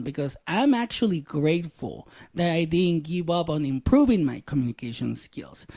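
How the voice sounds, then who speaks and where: Mellow-voiced man telling a candid story. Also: on the high side. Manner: candid storytelling with casual swearing. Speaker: podcast host. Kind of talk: casual podcast monologue.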